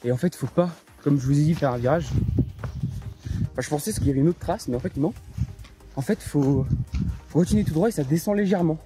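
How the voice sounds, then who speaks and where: A young man vlogging while hiking alone on a mountain trail, talking into his phone in a rambling, hesitant way with many fillers, tired and low on spirits. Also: fairly quick, pauses often, dark tone. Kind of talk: casual vlog to camera while trekking.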